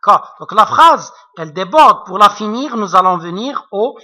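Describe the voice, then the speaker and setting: With a high, animated voice that is bright and forceful with a breathy edge, a man speaks at a moderate pace. He teaches French literature, and as a native Arabic speaker with an Arabic accent he explains French poetry to students in class, patiently repeating himself and checking in through frequent asides.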